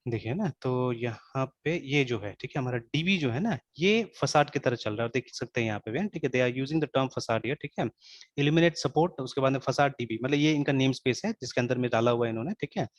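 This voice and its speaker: With no echo in the room, a medium-pitched man talks a little fast while teaching programming informally online. He mixes English into his speech and checks in again and again with "theek hai" on a dull, lo-fi recording.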